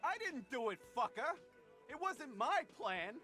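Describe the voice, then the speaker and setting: A very high, bright voice plays a crude young dockworker in a video game. He swears in defensive outbursts, his pitch jumping about. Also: sing-song, measured pace, faint music behind, exaggerated voice. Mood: angry.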